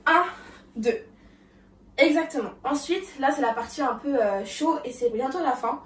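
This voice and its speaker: A woman with a high-pitched voice teaches a dance routine at a moderate pace, counting the beats and calling out moves while a little out of breath. She is far from the mic, so the sound is roomy.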